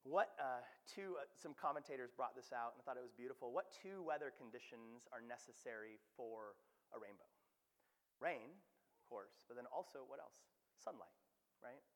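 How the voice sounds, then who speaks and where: A man preaching a sermon, with animated, conversational delivery and playful asides. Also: mid-range voice, normal speed. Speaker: pastor. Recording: long hall reverb.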